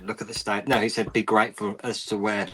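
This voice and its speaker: A man's voice: lowish voice, level tone, fast, fairly bright tone, slightly rough. A man on a football podcast who gives his views in a firm, matter-of-fact way. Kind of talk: casual football podcast chat.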